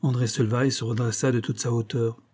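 A man narrating a novel in a steady, even reading voice. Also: medium pitch, fast talker, husky. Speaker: audiobook narrator. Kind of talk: scripted narration.

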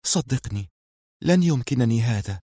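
A man's voice: medium pitch, animated, brisk, a little mellow, slightly rough, dry recording, clean studio sound. A man voicing an anxious young woman whose voice trembles near tears in an audiobook. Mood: fearful.

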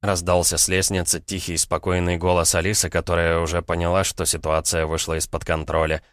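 A man reading a fantasy novel aloud in a measured, dramatic narration. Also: low voice, completely flat delivery, no room sound, studio quality. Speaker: audiobook reader. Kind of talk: scripted narration.

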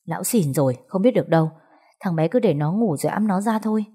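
A scheming young woman, pushy and coaxing, hurrying everyone along, as a woman storyteller plays her. The voice stays fairly low and mellow. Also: animated, fast, breathy edge. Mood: urging. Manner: urgent, coaxing, bossy.

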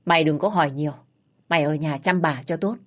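A woman's voice: deep voice, a little fast. A woman voicing a stern older landowner father who barks orders. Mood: commanding. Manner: gruff, commanding.

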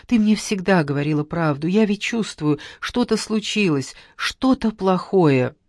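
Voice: mid-range voice, lively intonation, a little slow, a little mellow, no echo, clean studio sound, natural voice. A narrator voicing an anxious, headstrong young noble girl who presses urgently for answers. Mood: pleading. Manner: urgent, pleading, insistent. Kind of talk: audiobook character reading.

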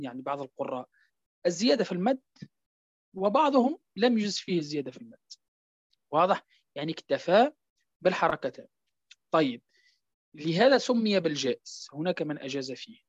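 Woman, tajweed teacher, lively up-and-down voice, husky tone, dry muffled recording. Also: on the low side, no echo. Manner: repeats points and keeps checking that students follow. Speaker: Quran recitation teacher. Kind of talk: tajweed lesson.

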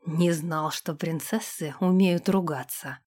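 Woman doing a low, gruff young man. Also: takes it slowly, a little mellow. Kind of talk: audiobook character voice.

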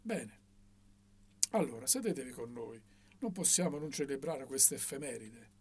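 A man reading an audiobook and voicing a pompous, sharp-tongued older bookseller with a theatrical, mocking manner and a husky voice. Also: mid-range voice, lively intonation, normal speed. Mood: grandly ironic.

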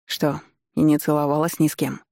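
A woman's voice: low voice, level tone, fairly quick, gravelly, darkish tone, no echo, studio quality. A woman doing a cocky teasing young man. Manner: teasing, provoking.

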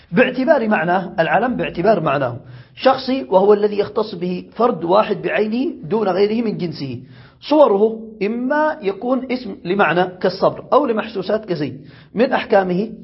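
A man from Yemen teaching a grammar lesson, who repeats examples and asks his students whether it is clear. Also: high-pitched, dull audio.

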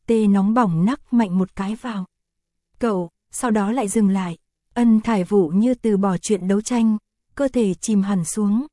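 A woman narrating an adult audio story in a steady, even reading voice. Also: mid-range voice, dry recording, clean studio sound. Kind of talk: scripted narration.

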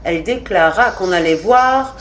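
A woman narrating a literary short story in a measured, expressive way. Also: on the low side.

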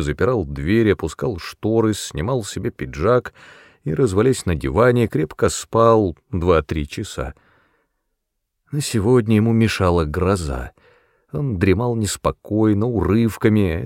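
A man giving an expressive, measured narration of a novel as an audiobook reader. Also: on the low side, dry recording, studio quality. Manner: measured, dramatic reading.

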